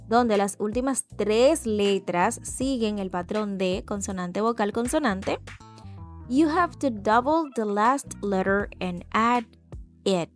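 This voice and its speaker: Slow, patient woman teaching a lesson. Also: mid-range voice. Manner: spells out letters and patterns, repeats words for practice. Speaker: English teacher. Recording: faint background music.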